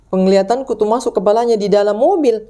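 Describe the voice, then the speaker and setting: A woman's voice: fast talker, mellow. A woman telling a ghost story in casual chat, rambling with restarts and acting out the people in it. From Indonesia. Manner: rambling, full of restarts, acts out voices in high pitch.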